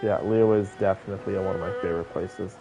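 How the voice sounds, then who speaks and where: Over game music, a gaming streamer offers casual, rambling commentary on a video game playthrough, often hesitating as he reacts. His voice is low and mellow, his intonation fairly even, and he talks fast.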